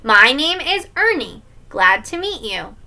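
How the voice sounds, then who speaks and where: A woman's voice: high-pitched, very animated, a little slow, pushed and bright, exaggerated voice. A woman voicing a chatty, mischievous little boy who shows off in a singsong voice. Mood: playful. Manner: singsong, showing off.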